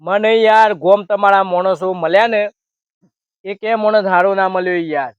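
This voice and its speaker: A man's voice: sits high, unhurried, smooth, dry recording. An older man in a village comedy sketch, wearily complaining about being lost while carrying an invitation card. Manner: weary, complaining, rustic dialect. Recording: dull lo-fi dry sound.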